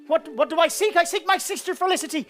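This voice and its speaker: Woman playing a high-voiced, hapless earnest brother. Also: quick pace, faint music behind. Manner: earnest, bewildered, ungrammatical. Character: plaintive, hapless brother searching for his sister. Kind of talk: improvised comedy acting.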